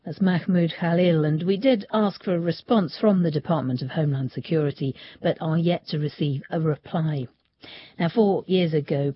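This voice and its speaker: Woman news anchor, lowish husky voice, clear and brisk delivery, slightly dull audio. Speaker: news presenter. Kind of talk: news presenting and interviewing.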